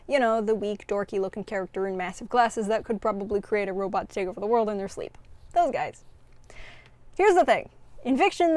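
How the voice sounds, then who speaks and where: A woman's voice: mid-range voice, darkish tone, dry recording. A young woman giving a casual, opinionated video essay, explaining her points with occasional filler words.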